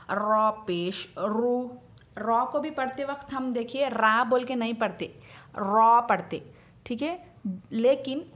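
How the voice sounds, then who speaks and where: A woman teaching rules of Quranic letter sounds, explaining patiently and repeating each point, drawing out sound examples slowly. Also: fairly high pitch. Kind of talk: Quran recitation rules lesson.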